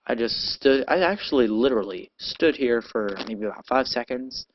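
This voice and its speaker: A man's voice: medium pitch, lively intonation, normal speed, background noise. Rambling man on a dull lo-fi mic. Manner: rambling and chatty, with restarts and sleepy yawns. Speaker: gamer narrating his own gameplay. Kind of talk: casual gameplay commentary. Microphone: cheap amateur mic. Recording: dull lo-fi home recording.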